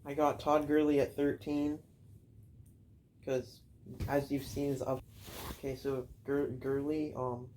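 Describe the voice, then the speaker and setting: A man with a flat, mellow voice bluntly rattles off his football picks. He teases his friends in casual chat. Faint room ambience sits behind him. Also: medium pitch, a little slow, long pauses, a little hiss or hum. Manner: blunt, teasing. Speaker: co-host ranking players.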